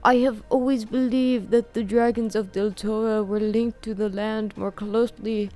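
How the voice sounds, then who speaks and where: A woman voicing an excitable, frail old male scholar who lectures eagerly, her voice pitched well above her own. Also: moderate pace, soft background music, close to an everyday voice. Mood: eager lecturing.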